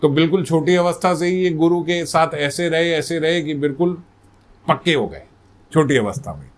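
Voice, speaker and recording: A male spiritual teacher narrates a devotional story in a relaxed, conversational sermon. His voice sits fairly high. He often turns to the listeners with rhetorical questions. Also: normal speed. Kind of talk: religious katha sermon.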